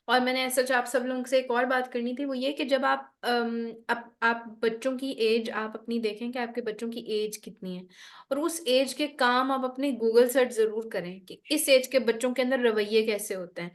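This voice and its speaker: Higher-voiced woman giving parenting advice. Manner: calm, explanatory, gives practical steps. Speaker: parenting teacher. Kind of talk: advice session.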